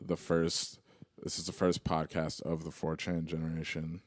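A man's voice: rumbling low, completely flat delivery, moderate pace, dry recording, clean studio sound. A man in his twenties co-hosting a podcast in blunt, sarcastic casual chat. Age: 20s. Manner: blunt, sarcastic, lots of fillers. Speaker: podcast co-host.

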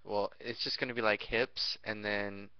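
A man's voice: lowish voice, steady tone, normal speed, no room sound, highs cut off. A young man rambling through a crude, jokey vlog rant and slipping into silly voices.

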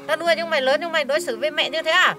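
Woman as a high, bright-voiced widowed mother, quick and scolding; amateur short film. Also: faint music behind. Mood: aggrieved scolding. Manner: scolding, blunt and coarse. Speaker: mother in family drama.

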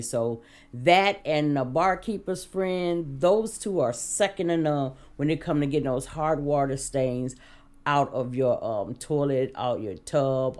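A woman's voice: sits low, dark tone. Chatty woman with folksy fillers. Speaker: cleaning vlogger. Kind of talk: clean-with-me voice-over. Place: home bathroom.

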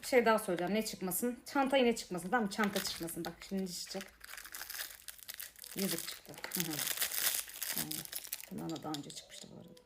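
A woman's voice: fairly low pitch, fairly quick, long pauses, background noise. A woman chatting casually to viewers as she unboxes toys, grumbling and exasperated at what she gets. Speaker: unboxing vlogger. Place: apartment room.

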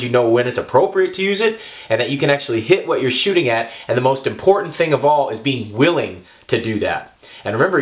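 A young firearms instructor speaks emphatically straight to the camera, frequently checking in with "okay" and "all right." His voice is at a medium pitch.

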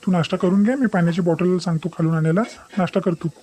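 A man voicing a fast-talking, sneering cartoon boyfriend. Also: sits high, fairly even intonation, dark tone, slight background noise, close to an everyday voice. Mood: coaxing. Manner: dismissive, taunting, fast-talking. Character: young deceitful city boyfriend, bossy and threatening. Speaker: cartoon character. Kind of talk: Marathi cartoon voice acting.

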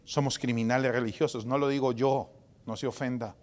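A man in his forties preaching a sermon as pastor in a church, dramatic, going from loud outbursts to hushed whispers. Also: mid-range voice, steady tone, brisk. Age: 40s.

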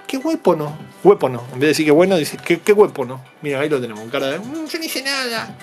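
A man, unboxing toys and patiently explaining them to young viewers, checking in with them all the time. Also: a little high. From Argentina. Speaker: toy unboxing vlogger.

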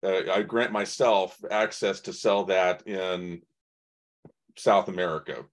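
A man's voice: low-pitched, steady tone, slow pace. A man in his forties hosting an online conference interview, chatty, with lots of fillers and restarts. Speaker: host. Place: indoors in front of a branded backdrop. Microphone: webcam video call.

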